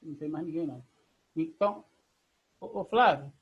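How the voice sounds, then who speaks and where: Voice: medium pitch, moderate pace, slightly rough, dull audio. A teacher with a Brazilian Portuguese accent gives an online class over a video call. The teacher explains patiently, step by step, and keeps checking in with the students. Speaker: Bible language teacher. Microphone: video call computer mic.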